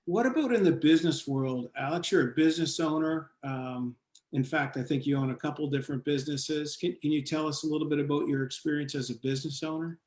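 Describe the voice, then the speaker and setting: A man's voice: on the high side, quick pace, a little mellow. A man hosting a panel discussion who puts questions to each guest in turn. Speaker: host. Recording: roomy echo.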